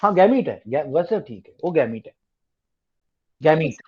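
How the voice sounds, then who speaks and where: A man's voice: on the high side, sing-song, a little fast, husky, dull audio. A man teaching a science class online, explaining in a mix of Hindi and English and asking his students questions. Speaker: tutor.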